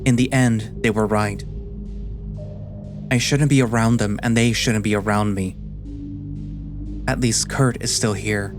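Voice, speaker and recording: Quiet, low-voiced weary animal sailor, brooding man narrating. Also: natural voice. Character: weary, guilt-ridden anthropomorphic animal sailor, male, brooding. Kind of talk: quiet, scripted first-person audio story narration.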